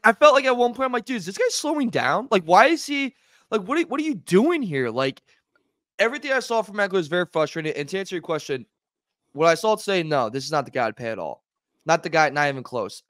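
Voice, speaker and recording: A man co-hosting a sports podcast, ranting angrily and sarcastically, going from quiet grumbling to loud outbursts. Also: a little high, clear, resonant tone, dry recording, studio quality. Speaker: podcast co-host. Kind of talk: heated sports podcast rant.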